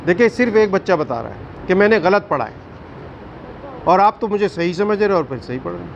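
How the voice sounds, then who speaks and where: A man teaching a Quran recitation class, firm and questioning, drawing out recited words slowly. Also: high-pitched, animated, vocal fry, dull audio, a little hiss or hum. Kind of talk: classroom tajweed lesson.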